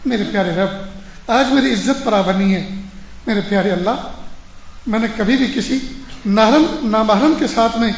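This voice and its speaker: A man's voice: high voice, reverberant, slight background noise. A man voicing a pious frightened mother. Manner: tearful pleading prayer.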